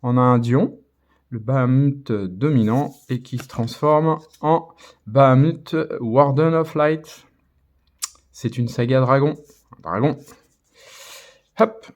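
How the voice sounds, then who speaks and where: A man of middling pitch chats casually as he opens card packs on camera. He hesitates a lot, fills the gaps with filler sounds and restarts his sentences. He slows right down to read out the card names one by one. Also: darkish tone. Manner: reads out foreign card names slowly. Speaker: card-opening video host. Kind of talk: casual commentary while opening packs.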